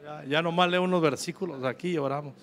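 A Mexican man in his fifties preaches at a church service with a rather high voice. He keeps it slangy and joking, then reads scripture aloud to the congregation. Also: fast talker, a bit bright. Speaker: pastor.

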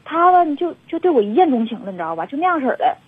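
On a tinny, dry phone line without echo, a young woman races along in a high, very animated voice. In her twenties and speaking with a Northeastern Mandarin accent, she calls in to confess, rambling and using lots of fillers.

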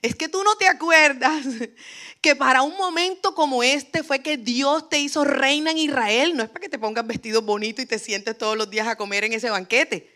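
A woman preacher acting out the biblical Mordecai as a reproachful elder, speaking in a higher, brighter voice than her own. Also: moderate pace. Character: Mordecai, older male elder, urgent and reproachful.

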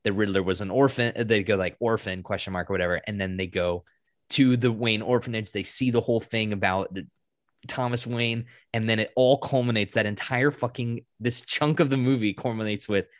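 Low-voiced man gushing through a recap. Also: fairly quick, no room sound, clean studio sound. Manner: excited, profane scene-by-scene recap; breathless run-on storytelling. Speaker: podcast co-host. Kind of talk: casual movie review chat.

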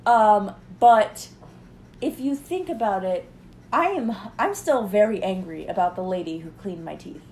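A woman's voice: mid-range voice, lively intonation, measured pace, darkish tone, a little hiss or hum. A young woman in casual chat, telling a sarcastic story and mimicking the people in it. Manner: storytelling, mimics others in quoted dialogue, sarcastic.

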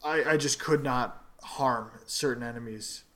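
A man's voice: mid-range voice, a little slow, bright, forceful tone. Rambling man on a casual podcast. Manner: rambling, jokey storytelling. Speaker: podcast co-host. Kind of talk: casual chat. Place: home.

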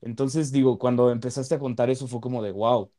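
Earnest young man, mellow voice. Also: mid-range voice, fairly even intonation. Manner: earnest, halting, moved. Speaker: law student. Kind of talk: casual conversation.

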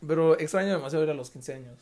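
A young man with a Mexican Spanish accent tells stories on his podcast. He talks loosely and full of slang, and he keeps slipping into the voices of the people he quotes. His voice sits a little high. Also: very fast, darkish tone. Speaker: podcast host. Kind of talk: casual storytelling.

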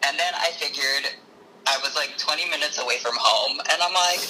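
Brief: male co-host on speakerphone, sharp tinny tone, faint line hiss, rambling and laughing. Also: on the high side, a little fast. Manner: chatty, rambling, laughs often. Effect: on speakerphone over a phone call. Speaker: podcast co-host. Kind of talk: casual chat.

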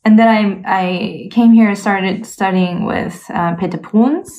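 In a relaxed interview, a young woman cellist talks in an unhurried, mid-range voice with a darkish tone. Her manner is reflective and tentative, full of fillers and false starts.

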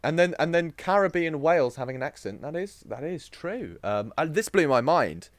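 A man's voice: on the high side, very animated, normal speed, dry recording. Jokey man hosting a podcast. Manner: chatty and jokey, laughs often, trails off into restarts. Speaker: podcast host. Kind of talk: casual podcast chat.

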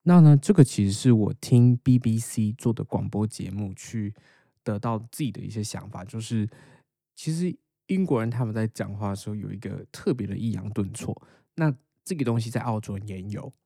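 A man's voice: fairly low pitch, normal speed, gravelly, dark tone, no echo. A young man with a Taiwanese Mandarin accent who hosts a podcast, casually and patiently explaining how he learns English. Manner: explains patiently, then reads English lines aloud as a shadowing drill. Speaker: podcast host.

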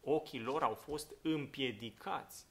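A male pastor with a medium-pitched voice leads a Bible study, reading scripture aloud and unpacking it as if thinking aloud. He fills his explanations with many fillers and frequent "right?" check-ins.

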